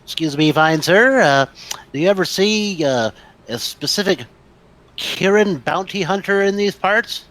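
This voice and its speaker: A man's voice: sits high, lively intonation, a little slow, a bit bright, voice pushed up. A man voicing a small, polite fantasy adventurer in a tabletop game, hesitant and quaintly courteous.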